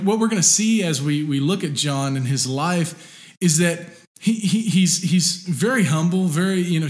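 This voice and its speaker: A man preaching a sermon in a relaxed conversational way, with many fillers and restarts. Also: fairly high pitch. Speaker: pastor.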